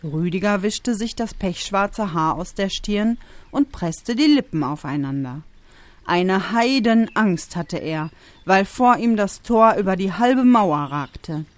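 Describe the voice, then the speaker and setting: A woman reading a children's story aloud with expressive storytelling. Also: mid-range voice, no room sound. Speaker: narrator.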